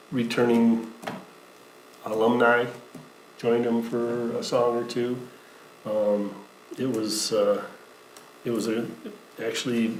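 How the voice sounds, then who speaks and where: Man giving halting board meeting remarks. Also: fairly low pitch. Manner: halting, many fillers, emotional at times. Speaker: school board member. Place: school board meeting room. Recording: echoey meeting room, faint noise.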